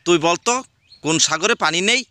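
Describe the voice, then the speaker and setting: In cartoon voice acting, a performer plays an exasperated male schoolteacher who sternly scolds his pupils and exclaims at their answers. The delivery is quick, medium-pitched and sharp, natural-sounding, with slight background noise.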